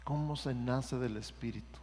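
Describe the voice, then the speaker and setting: A pastor with a mid-range, darkish voice preaches a sermon at normal speed in a church sanctuary, earnestly leading a prayer for the congregation to repeat after him. The recording has church hall reverb with music underneath.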